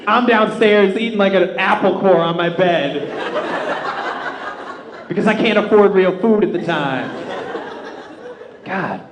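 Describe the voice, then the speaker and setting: A man doing live stand-up comedy, telling stories and working the crowd in an animated, self-deprecating, profane way. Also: high-pitched, slow, long pauses, background noise. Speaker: stand-up comic. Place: indoor comedy club stage before a live audience. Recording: echoey comedy club with audience. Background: audience laughter.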